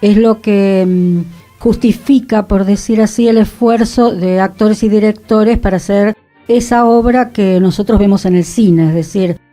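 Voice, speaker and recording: With soft music underneath, a woman speaks at medium pitch, unhurried, steady and mellow. She is co-hosting a cultural talk show from a radio studio, thoughtful and conversational, with a laugh here and there.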